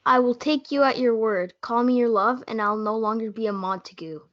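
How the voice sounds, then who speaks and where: A woman's voice: a little high, a little fast, close to an everyday voice. A young woman playing a lovestruck, earnest, yearning young Romeo in a student reader's theatre performance. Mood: earnest devotion. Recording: dull lo-fi audio.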